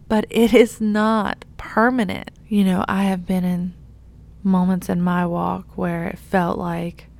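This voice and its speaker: A woman's voice: medium pitch, creaky, a little mellow. A young adult woman youth pastor giving an earnest, encouraging devotional talk, laughing at herself now and then.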